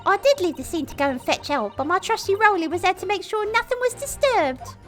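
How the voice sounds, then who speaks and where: A woman's voice: very high voice, expressive, brisk, faint music behind. A woman voicing an adoring, swooning policeman's wife from a video game, gushing and prim. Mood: proud. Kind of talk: video game read-aloud voice acting.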